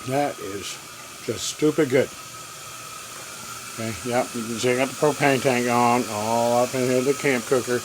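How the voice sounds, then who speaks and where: A man with a drawl talks folksy and easygoing, narrating his own home cooking. He sits at an ordinary middle pitch. Frying and boiling sounds hiss clearly behind him in a cramped camper kitchen. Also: steady tone, moderate pace, few pauses. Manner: folksy, chatty, talks with mouth full. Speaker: cooking vlogger. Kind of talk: casual cooking vlog. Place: camper kitchen with propane cooker. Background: boiling water and frying.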